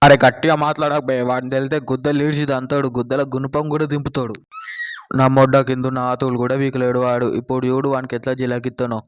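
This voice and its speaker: A crude young hostel student voiced by a man grumbles and curses in a comedy sketch. He speaks quickly, in a flat tone. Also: medium pitch, slight background noise, natural voice. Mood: grumbling. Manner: foul-mouthed, grumbling.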